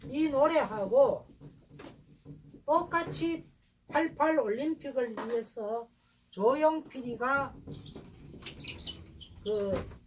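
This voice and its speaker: A woman giving a classroom lecture, animated, posing rhetorical questions to her listeners. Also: sits high. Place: lecture room. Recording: distant mic with faint room noise.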